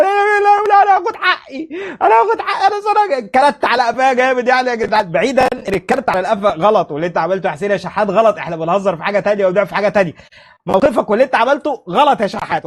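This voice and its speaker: A man with an Egyptian accent giving animated, mocking fan commentary on a football match. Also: very high-pitched. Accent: Egyptian Arabic.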